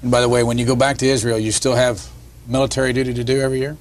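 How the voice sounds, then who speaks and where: A man interviewing guests with brisk, direct questions. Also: medium pitch, flat delivery. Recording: faint background noise.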